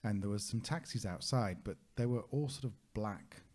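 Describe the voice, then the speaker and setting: A man with a deep, husky voice co-hosts a relaxed travel podcast. He wanders through his stories with plenty of ums and restarts. His tone stays mellow and unhurried. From United Kingdom. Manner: rambling anecdotal storyteller, many fillers. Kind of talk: casual podcast chat.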